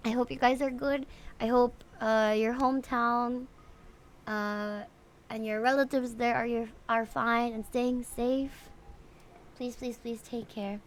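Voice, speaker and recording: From the Philippines, this woman streams herself playing a story game, mixing chatty talk and frequent hellos to viewers with lines of in-game dialogue read aloud. Her voice runs on the high side.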